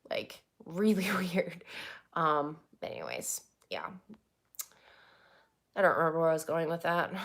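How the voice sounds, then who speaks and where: Low-voiced woman chatting casually. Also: vocal fry, fairly bright tone. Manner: rambling, swears freely, laughs often. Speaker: YouTuber. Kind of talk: casual livestream chat.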